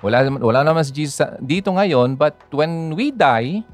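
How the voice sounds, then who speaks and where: A man's voice: a little high, expressive, moderate pace, faint music behind. A man hosting a radio talk, chatting casually about grief and faith, full of fillers and little "ha?" tags. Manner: chatty, code-switching, many fillers and "ha?" tags. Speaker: radio host.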